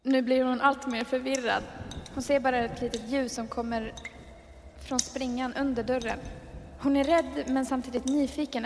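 A woman with a high voice tells a creepy tale, drawing out the tension as she goes. Her voice rings with a long reverb, and loud frying and sizzling carries on behind her. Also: noisy background. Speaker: storyteller. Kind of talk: improvised horror storytelling.

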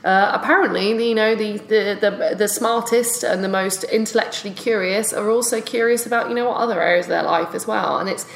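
A woman's voice: medium pitch, steady tone, fairly quick, gravelly, hardly any pauses, slight background noise. A woman co-hosting a podcast in casual chat, talking in a rambling way with restarts and "you know". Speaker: podcast co-host. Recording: roomy echo.

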